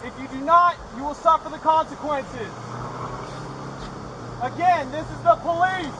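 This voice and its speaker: A police officer shouting loud commanding orders to a trailer through a megaphone. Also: male voice, extremely high pitch, unhurried, noisy background.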